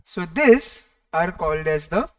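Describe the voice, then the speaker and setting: A teacher giving a step-by-step maths lecture in a deliberate way, pausing between short phrases. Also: medium pitch, expressive, fairly bright tone, no echo. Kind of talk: lecture explaining coordinate geometry step by step. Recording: distant microphone.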